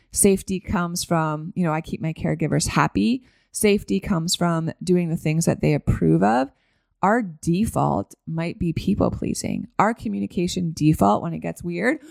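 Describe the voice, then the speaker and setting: A woman hosting her own podcast in a relaxed, chatty way, with a lowish voice and a gravelly, fried edge. She keeps tagging her points with "right?" and sprinkles in "like". The sound is close and dry, with no room around it. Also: no room sound. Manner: conversational, tags many points with "right?"; frequent "like" fillers. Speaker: podcast host. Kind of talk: casual solo podcast talk.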